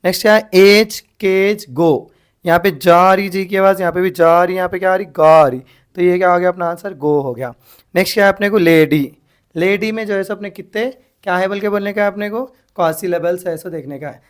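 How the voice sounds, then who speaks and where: A man's voice: high voice, fairly quick. A man teaching an exam-prep English lesson, spelling words out letter by letter and asking himself questions as he goes. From India. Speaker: English grammar tutor.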